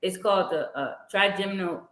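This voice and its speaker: Woman podcast host, lively conversational storytelling, frequent restarts, roomy echo around her. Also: medium pitch, brisk. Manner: animated, tells personal stories with frequent restarts. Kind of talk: casual conversational interview.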